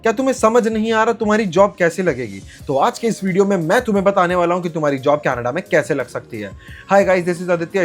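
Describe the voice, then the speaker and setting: A young man talks straight to the camera, giving job tips in a casual, friendly way. He keeps checking in with his listeners as he goes. Soft music plays faintly under his voice. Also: sits high. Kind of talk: casual direct-to-camera advice.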